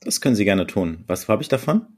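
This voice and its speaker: Man playing a deadpan, low-voiced comic caller. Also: fast, breathy edge. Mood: guarded, deadpan. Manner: deadpan, bureaucratic, wordy. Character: smug, drily polite male landlord's agent and customer. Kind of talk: improvised comic phone role-play.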